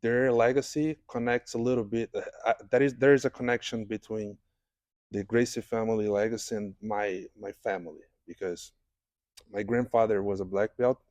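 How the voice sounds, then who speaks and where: A man from Brazil, a jiu-jitsu instructor answering interview questions in a podcast studio, speaking haltingly with many restarts and fillers. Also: lowish voice, fairly even intonation, darkish tone, no echo.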